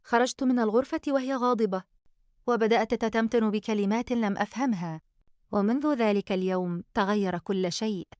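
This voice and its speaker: A woman storyteller giving a calm, even, scripted first-person story narration. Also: medium pitch, no echo, studio quality.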